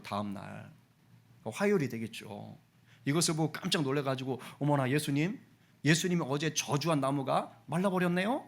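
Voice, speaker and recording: A man's voice: medium pitch, vocal fry, fairly bright tone. A middle-aged man preaching a Sunday sermon as pastor in a church, talking conversationally and asking the congregation questions. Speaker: senior pastor. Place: church sanctuary.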